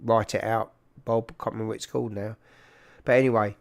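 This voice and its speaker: A livestream host with a South London accent speaks a little fast in a lowish, gravelly voice with little pitch movement. Close to a large microphone, he chats casually and informally, calling people "mate."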